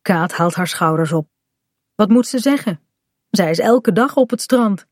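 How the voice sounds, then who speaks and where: Slow gentle woman reading a storybook. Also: medium pitch, expressive, dry recording, studio quality. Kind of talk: reading a children's story aloud.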